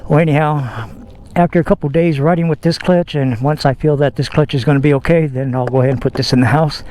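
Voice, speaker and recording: A man's voice: a little high, steady tone, fast, a little mellow. A man casually vlogging about his scooter outdoors, rambling in a folksy way with fillers and self-corrections. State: out of breath. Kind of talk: casual vlog talk.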